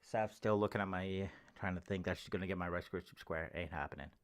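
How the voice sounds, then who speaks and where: Deep-voiced and fast, this man is a vlogger trying out gear, rambling in a crude, offhand way. In his living room he demos a homemade foam cover fitted to a close desk microphone.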